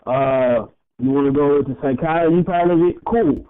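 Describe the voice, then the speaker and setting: A man's voice: on the high side, normal speed, smooth. A young man co-hosting a podcast in casual chat, rambling, swearing and laughing often as he talks. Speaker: podcast co-host. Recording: tinny phone-like audio.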